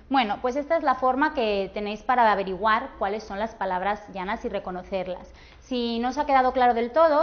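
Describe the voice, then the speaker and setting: A woman with a Peninsular Spanish accent teaching a grammar lesson, saying example words slowly and clearly. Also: mid-range voice. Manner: slow, clear, drawn-out pronunciation of example words. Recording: dull, lo-fi sound.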